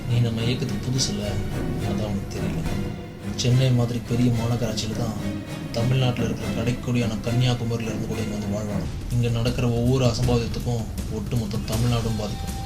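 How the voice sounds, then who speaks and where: A man's voice: medium pitch, little pitch movement, fairly quick, loud music behind the voice, close to an everyday voice. A man playing a cold militant who briefs a newcomer on an attack plan in a commanding way. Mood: scheming. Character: cold adult male militant plotting an attack.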